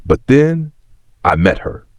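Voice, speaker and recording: A man voicing a wistful, regretful very old man of ninety who tells of his past in a reflective, plain-spoken, husky voice in a story. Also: medium pitch, big pitch swings, takes it slowly, no room sound, pitched above the performer's own voice. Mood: nostalgic. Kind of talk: scripted story reading.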